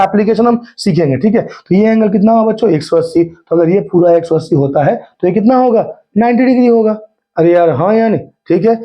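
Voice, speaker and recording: Slightly hoarse man teaching math. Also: high-pitched. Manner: coaxing, keeps asking the class if they understood. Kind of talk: Hindi math lesson at a whiteboard. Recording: dull lo-fi recording.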